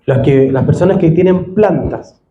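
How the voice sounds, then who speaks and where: Earnest high-voiced pastor preaching. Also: male voice, moderate pace, narrow, tinny audio. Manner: earnest, rising to fervent appeals. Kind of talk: sermon. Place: church hall. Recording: echoey church hall.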